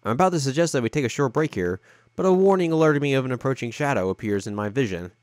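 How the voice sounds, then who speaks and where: A man hosting a game playthrough, reading the story text aloud in a plain, steady way. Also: mid-range voice, racing. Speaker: let's-play host.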